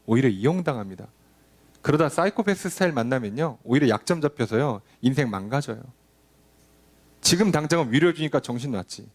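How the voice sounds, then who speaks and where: Animated Korean-speaking pastor preaching. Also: male voice, fairly quick. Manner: animated preaching, drops to a low murmur for emphasis, acts out quoted lines. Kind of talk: sermon.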